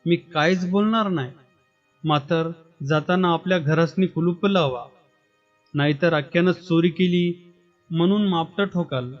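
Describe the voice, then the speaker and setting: A man doing gruff defiant villager Akya. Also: on the high side, measured pace, natural voice. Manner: gruff, contrary retorts. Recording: dull lo-fi with faint music.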